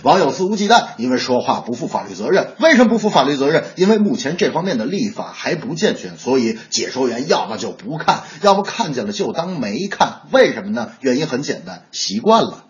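Lively joking male radio host. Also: medium pitch, brisk, hardly any pauses. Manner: joking storyteller, crosstalk-comedian delivery. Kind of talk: comic commentary show. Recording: slightly dull radio sound, faint music.

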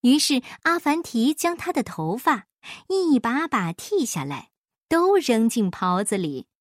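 A woman reading a children's folk story aloud in an expressive, measured way. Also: fairly high pitch, dry recording, studio quality.

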